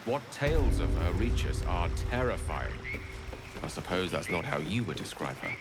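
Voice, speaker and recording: Höflicher, gelehrter Zauberer. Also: male voice, low-pitched, sing-song, over loud music. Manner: courteous, measured, dryly wry. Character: polite, erudite male human wizard. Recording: game audio with loud noise.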